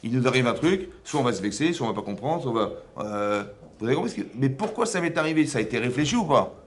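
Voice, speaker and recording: Man teaching a torah class, animated, keeps asking questions, slight hiss behind. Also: medium pitch, quick pace. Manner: animated, full of rhetorical questions. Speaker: rabbi teaching a women's class. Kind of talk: religious lecture.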